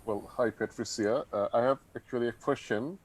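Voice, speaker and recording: A man's voice: medium pitch, moderate pace, breathy edge. A man from Bangladesh, hesitantly asking a question in an online interview. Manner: hesitant, searching for words. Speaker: audience member asking a question.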